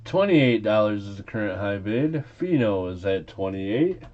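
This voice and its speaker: Slow, low-toned male auctioneer. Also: very animated, darkish tone, muffled recording. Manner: playful, repeats bids and calls. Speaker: auctioneer and live stream host. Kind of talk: casual auctioneer patter on a live auction.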